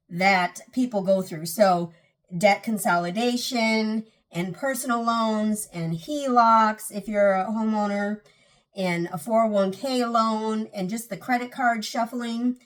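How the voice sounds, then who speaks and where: A tired but earnest woman gives debt advice straight to her viewers. Her pitch sits mid-range for a woman, and she talks in a relaxed, conversational way. She often restarts a phrase and repeats key points to drive them home. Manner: earnest, self-correcting, repeats for emphasis. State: tired, yawning. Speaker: personal finance vlogger. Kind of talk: casual talk to camera.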